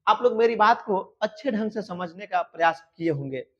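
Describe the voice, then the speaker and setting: A man with a Bihari accent teaching a class, reading English verse slowly and then explaining it line by line. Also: high voice, animated, lo-fi sound. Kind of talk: Hindi lecture explaining an English poem.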